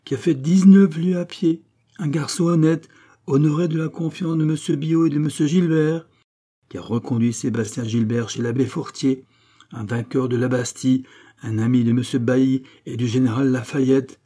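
A man's voice: mid-range voice, flat delivery, moderate pace, dark tone, natural voice. A man reading a novel aloud, voicing a cheeky young man who talks with mocking, pompous grandeur. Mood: declaiming.

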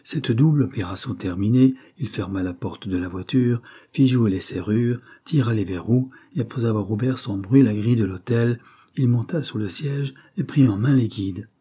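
Male audiobook narrator: low, dark, husky, steady. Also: moderate pace. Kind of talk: scripted narration of a novel.

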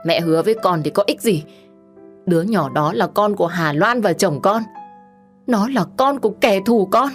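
A heartbroken young wife, as a woman reader puts her on, crying and pleading in a low-set voice that keeps breaking upward into shrill sobs. She sounds like a storybook heroine at the end of her strength, begging and accusing at once. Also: measured pace, pauses often, a little mellow, soft background music, natural voice. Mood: sobbing. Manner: tearful, pleading, rising to shrill outbursts.

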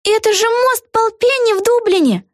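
A woman voicing an excitable young girl witch in a storybook, with a very high, squeaky voice and breathless exclamations. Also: moderate pace, dry recording, clean studio sound. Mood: excited.

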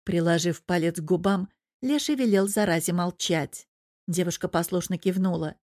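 A woman narrating an audiobook in a steady storytelling manner. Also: on the low side, moderate pace, no echo, studio quality.

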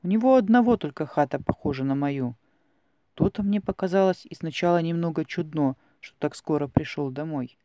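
A man's voice: a little high, brisk, dark tone, no echo, clean studio sound, lightly acted. A man voicing a stubborn, grumbling old Cossack villager who mutters indignantly to himself. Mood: muttering.

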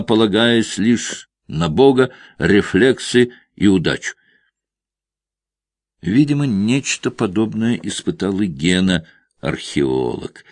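Slow, low-voiced male audiobook narrator. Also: a little mellow, no echo, studio quality. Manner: measured, tense reading of a thriller. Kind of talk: dramatic scripted narration.

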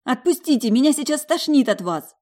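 A woman voicing a frightened, tearful young woman who pleads in a high, shrill voice in a storybook reading. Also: lively intonation, brisk, darkish tone. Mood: pleading.

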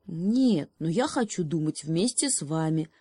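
Woman doing a calm, stubborn beaver. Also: sits low, breathy edge, no echo, studio quality, exaggerated voice. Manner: calm and unhurried.

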